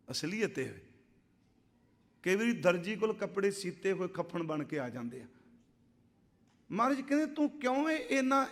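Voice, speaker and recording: A man giving a religious sermon, reciting scripture slowly and then explaining it in plain conversational speech. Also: high voice, long reverb tail. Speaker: Sikh preacher giving katha.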